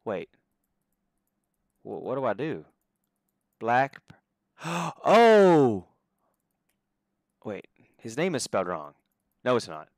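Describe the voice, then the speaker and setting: Excitable young man streaming a game. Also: medium pitch, slow, pauses often, dry recording, clean studio sound. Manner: excitable, laughs often, jokey. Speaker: livestreamer. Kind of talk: casual gameplay commentary.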